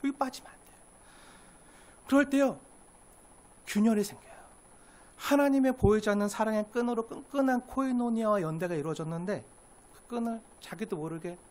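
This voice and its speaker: A male pastor preaching a sermon in an earnest way, rising to emphatic lines and dropping to hushed asides, acting out quoted complaints. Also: high-pitched, brisk, pauses often. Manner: acts out quoted complaints in a sharper, pushier voice.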